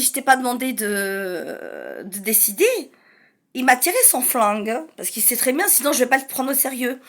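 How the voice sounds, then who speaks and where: A woman with a notably high voice tells a personal story straight to the listener. Her delivery is halting and full of restarts, and she acts out the dialogue as she goes. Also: a bit bright. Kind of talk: personal testimony to camera.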